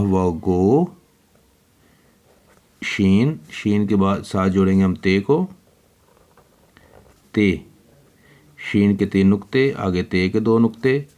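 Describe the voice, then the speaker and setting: A man with a fairly low voice teaches young children handwriting. He speaks very slowly and patiently, spelling out each letter one at a time as he writes. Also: darkish tone.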